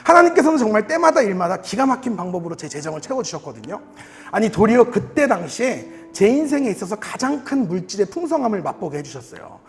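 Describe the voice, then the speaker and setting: A young man preaching a sermon, telling a personal story in an animated way and acting out his younger self with laughter. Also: high-pitched, quick pace, faint music behind. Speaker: pastor. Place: church sanctuary. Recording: reverberant church hall.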